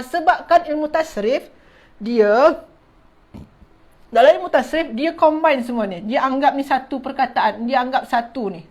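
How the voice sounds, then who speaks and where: A woman teaching an online Arabic grammar class. She repeats terms, restarts words and keeps checking whether her listeners understand, addressing them formally as ladies and gentlemen. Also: high voice. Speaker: religious teacher.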